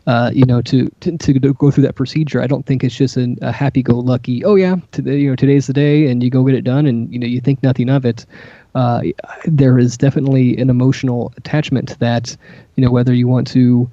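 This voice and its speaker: A man co-hosting a casual panel discussion, talking haltingly with many fillers and restarts. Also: medium pitch, flat delivery, dark tone, dry recording. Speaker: co-host. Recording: dull lo-fi sound.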